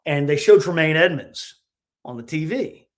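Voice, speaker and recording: A young man co-hosting a sports podcast, telling stories in a casual, animated way and saying "dude" often. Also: a little high, normal speed. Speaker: podcast co-host. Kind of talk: casual chat.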